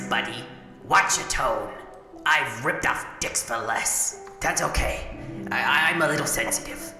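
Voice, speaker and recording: Woman voicing a low, echoey, battered boozy robot. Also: vocal fry, exaggerated voice. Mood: crude, touchy. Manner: streetwise, crude, stammering. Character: battered old pleasure robot, boozy, crude, touchy, wistful. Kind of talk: video game character acting. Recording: echoey hall with music. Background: music.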